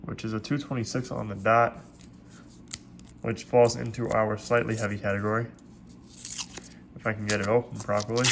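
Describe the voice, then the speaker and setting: This coin roll hunting host sounds stuffed up as he explains his work from a home desk, speaking at a moderate pace with frequent pauses. The delivery is low, barely varying in pitch, methodical and informal. A distinct noise floor sits under the audio.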